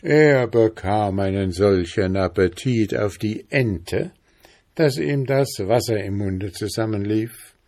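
A man reading a storybook story aloud as narrator, with expressive, unhurried narration. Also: lowish voice. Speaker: story reader.

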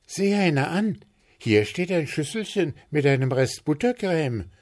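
Male reader as cheeky little bird, high and perky, chatty and frank, storybook tone. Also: expressive, brisk, darkish tone, lightly acted. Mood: chirpy. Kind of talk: storybook reading.

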